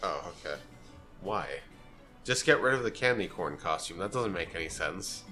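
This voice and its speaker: Bright-voiced man chatting casually, halting. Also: sits low, animated, faint music behind. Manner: halting, repeats phrase openings. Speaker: let's play co-host watching and commenting. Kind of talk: casual chat.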